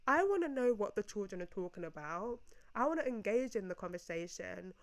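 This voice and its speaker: A woman's voice: medium pitch, big pitch swings, fairly quick. A young woman co-hosting a casual podcast chat, talking emphatically and acting out quoted lines. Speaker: podcast co-host.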